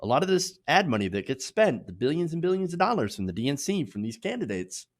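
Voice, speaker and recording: American man, emphatic commentary with swooping pitch. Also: sing-song, fast talker. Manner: emphatic, repeats points in short punchy phrases, tags with "right?". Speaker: host of an online political commentary show. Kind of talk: opinionated political commentary.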